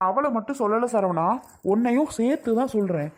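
A man's voice: very high-pitched, animated, a little fast. A man playing an older father-in-law who coaxes and insists, repeating his pleas, in a family drama skit. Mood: pleading.

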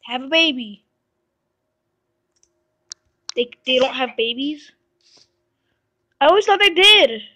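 A woman's voice: sits high, expressive, moderate pace, sharp tone, low-quality recording. A woman giving casual, rambling commentary on her game and coaxing the animals in it, recorded on a phone mic. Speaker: gameplay vlogger.

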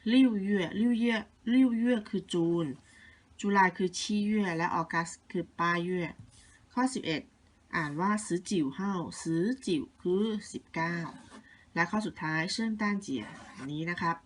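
A woman's voice: lowish voice, animated. A middle-aged woman teaching young children, reading out words for a listening test and then patiently going over the answers. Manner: slow, patient, repeats each word twice, stretches out sounds; coaxing and motherly toward the children.

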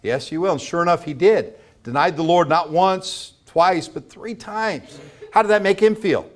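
Before a congregation in a church sanctuary, a middle-aged pastor from the U.S. preaches emphatically, repeating himself and posing rhetorical questions. He speaks at normal speed in a voice that sits high.

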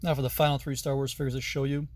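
A man in his thirties gives a chatty, detailed tour of his toy collection in a toy-filled basement, filming indoors on a phone held at arm's length. His voice is medium in pitch and somewhat dark, and he talks fast in a level tone. The recording is dry.

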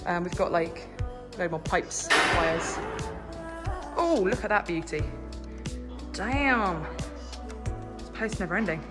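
A woman vlogging as she explores, chatty and easily excited, out of breath from climbing and laughing often. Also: lowish voice, slow, long pauses, loud music behind the voice. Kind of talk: casual vlog narration while exploring.

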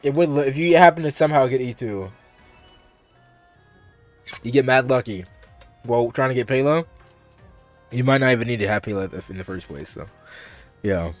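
A male game streamer talks casually over faint game music, rambling and restarting his sentences as he thinks aloud. His pitch sits in an ordinary middle range. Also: animated, moderate pace, long pauses. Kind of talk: casual gaming commentary.

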